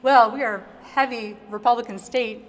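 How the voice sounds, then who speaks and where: A woman's voice: a little high, steady tone, moderate pace, long reverb tail. Confident female political panelist. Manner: confident, direct analysis. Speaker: attorney, panelist.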